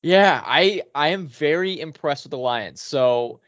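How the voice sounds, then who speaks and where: A man's voice: a little high, lively intonation, a little slow, fairly bright tone, dry recording. A man hosting a casual sports podcast, talking conversationally and upbeat in short emphatic bursts. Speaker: podcast host. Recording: slightly dull lo-fi mic sound.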